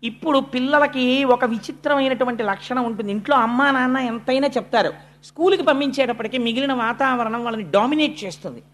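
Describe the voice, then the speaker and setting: A man's voice: very high voice, fast talker, a bit bright. A man giving a devotional sermon, telling a sacred story dramatically and acting out the characters' speech. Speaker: religious discourse speaker.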